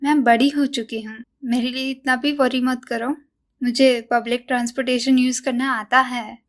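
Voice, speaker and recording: A woman voicing a playful, affectionate young woman, speaking softly in a drama recap. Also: high voice, little pitch movement, normal speed. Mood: tender.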